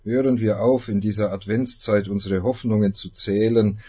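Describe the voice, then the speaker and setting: A man preaching a sermon, opening with a dramatic reading full of long pauses. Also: lowish voice, fairly even intonation, darkish tone, husky, dull audio. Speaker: pastor.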